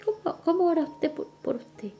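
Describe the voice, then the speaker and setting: A woman's voice: very high-pitched, lively intonation, moderate pace, mellow, faint music behind. A middle-aged woman, preaching at a women's retreat and calling her listeners sisters. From Chile. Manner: fervent, addresses listeners as sisters. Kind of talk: sermon.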